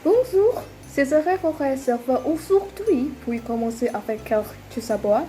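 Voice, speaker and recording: A woman's voice: high-pitched, animated, measured pace, warm tone. A young woman, playing a polite restaurant server in a classroom role-play and speaking careful learner's French. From Indonesia. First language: Indonesian. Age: 20s.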